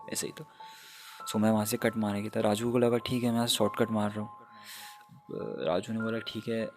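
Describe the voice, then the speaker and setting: Gravelly, flat-voiced young man telling a ghost story. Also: on the low side. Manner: chatty, sprinkles English fillers, addresses viewers as guys. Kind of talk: casual first-person horror story telling.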